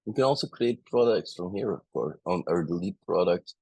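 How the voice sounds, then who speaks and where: A man's voice: sits low, animated, brisk, darkish tone, husky, no room sound, rough recording. A man teaching bug bounty hunting in a casual livestream, chatty and making joking asides to his chat. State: a bit out of breath.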